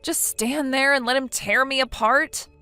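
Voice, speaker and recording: This is a defensive wife who whines and stumbles over her words. A text-to-speech woman voices her a little high. Soft music runs quietly behind her. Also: measured pace, clean tone. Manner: whiny, hesitant. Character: defensive, self-pitying young wife.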